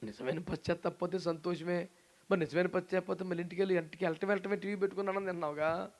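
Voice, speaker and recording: A man preaching a sermon. He talks in a lively, teasing way and often acts out the people in his story. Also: high-pitched, very fast. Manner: animated, teasing, acts out quoted voices. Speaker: pastor.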